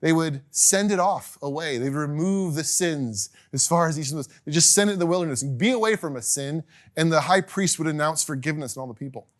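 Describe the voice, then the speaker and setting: A middle-aged man teaching a casual class, chatty and animated, acting out little quotes and laughing now and then. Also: a little high, fairly quick.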